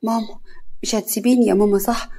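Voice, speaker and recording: A woman's voice: mid-range voice, steady tone, fast talker, mellow, husky. A woman storyteller voicing an emotional young Egyptian woman who pleads with her mother. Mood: pleading. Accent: Egyptian Arabic.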